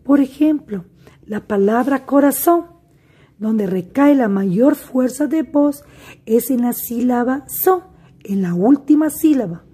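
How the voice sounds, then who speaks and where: Slow husky woman teaching a class. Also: a little high, animated, mellow. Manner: slow, deliberate, addresses pupils directly. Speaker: primary school teacher. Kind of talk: recorded remote class lesson.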